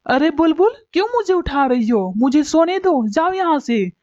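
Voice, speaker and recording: A woman's voice: sits high, sing-song, moderate pace, a little mellow, no room sound. A woman voicing a lazy, thieving male bird in a cartoon, grumbling and whiny. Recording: dull lo-fi recording.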